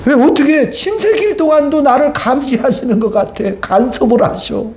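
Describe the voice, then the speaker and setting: An anguished biblical sufferer cries out to God, as a male preacher acts him. His high voice stays mellow and plaintive, with exclamatory protests. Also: very animated, normal speed. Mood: protesting.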